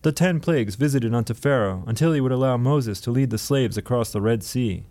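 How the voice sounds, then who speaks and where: A man's voice: medium pitch, fairly quick, mellow, lightly acted. A man voicing an eccentric old rebbe who speaks in a wry, lordly, instructive way.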